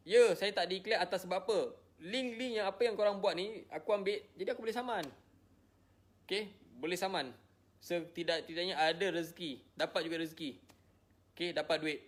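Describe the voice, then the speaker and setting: Weary, defensive married man, somewhat high voice. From Malaysia. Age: adult, married with a child. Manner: repetitive, defensive, tired. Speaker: social media personality. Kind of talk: emotional direct-to-camera statement.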